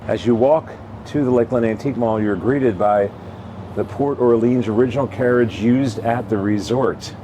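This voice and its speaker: A man's voice: medium pitch, normal speed, mellow. A man hosting a vlog, giving an enthusiastic, exclamatory walkthrough of a large antique store on a handheld camera mic. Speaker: vlog host. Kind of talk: casual walkthrough narration. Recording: noisy handheld store recording.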